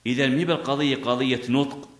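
Male scholar, middle-aged, mid-pitched, reads passages then quizzes his class, roomy echo. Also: steady tone, rapid-fire. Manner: reads quotes from the book, then explains with questions to students. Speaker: Islamic scholar teaching a fiqh text. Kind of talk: classroom lecture explaining a text. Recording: echoey room.

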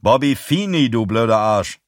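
Man voicing a crude thug, snarling insults, louder, rough. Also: lowish voice, expressive, a little slow, no room sound, studio quality. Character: crude aggressive male thug.

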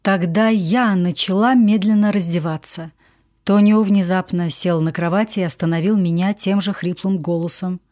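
A woman reading a first-person memoir as an audiobook, measured and subdued. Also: fairly low pitch, fairly even intonation, mellow. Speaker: audiobook reader.

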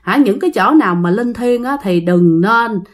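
A woman's voice: mid-range voice, animated, moderate pace. A woman with a Southern Vietnamese accent retelling a ghost story, talking straight to her listeners and repeating words to build suspense.

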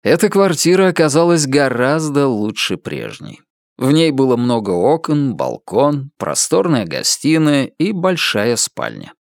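A man narrates an audiobook in a measured, storytelling way. His pitch rises and falls with animation. The recording is dry and close, with no room sound. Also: sing-song, creaky, no room sound.

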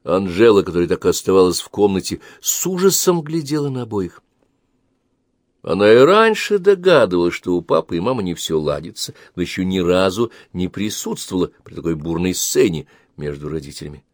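A man narrating an audiobook story in an expressive, dramatic way. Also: low voice, fairly quick, no echo, studio quality. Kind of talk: audiobook reading.

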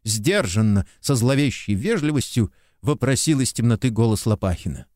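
A male narrator reads classic prose aloud in an expressive, measured way. His pitch moves with animation. The recording is dry and intimate. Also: dry recording. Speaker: audiobook narrator. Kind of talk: literary audiobook narration.

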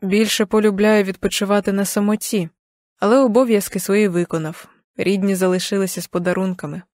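A woman reading an audiobook, voicing a reserved young man who speaks quietly and curtly on the phone. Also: medium pitch, fairly even intonation, brisk, no echo, clean studio sound, natural voice. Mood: hushed. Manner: hushed and curt.

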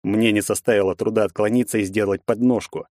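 A man narrating a first-person fantasy audiobook in a measured storytelling manner. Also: fairly low pitch, fairly even intonation, a little mellow, no room sound, clean studio sound.

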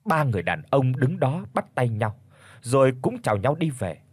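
Husky male narrator, lively intonation, dry close recording. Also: medium pitch, normal speed, no echo. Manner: expressive storytelling. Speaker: audiobook narrator. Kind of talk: scripted story narration.

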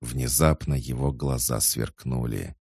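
A man reading a dark action story aloud as dramatic narration, slow and intense, rising to shouts for the characters' lines. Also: extremely low pitch, creaky, breathy edge, no room sound, studio quality.

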